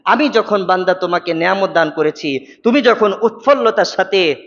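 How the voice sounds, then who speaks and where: A man with a high, ringing voice preaches with fervour, pressing his listeners with pointed questions. His sermon echoes through a large mosque hall. The recording sounds dull and lo-fi. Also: moderate pace, fairly bright tone, a little hiss or hum. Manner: impassioned, rising to emphatic peaks, rhetorical questions to congregation. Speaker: mufti preacher. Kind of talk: Friday sermon.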